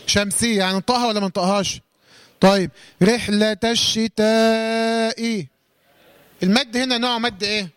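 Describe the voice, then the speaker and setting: Teaching Quran recitation, this man quizzes his audience, supplies the answers himself and stretches words out slowly as demonstrations. He speaks with an Egyptian Arabic accent in a high, fairly bright voice.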